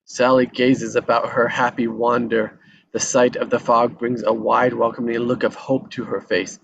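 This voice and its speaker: Here a man voices a screenplay's action lines at a table read, at normal speed and with little pitch movement in his medium-pitched voice. He occasionally trips over words and repeats them. The sound is dull and lo-fi, with noise in the background.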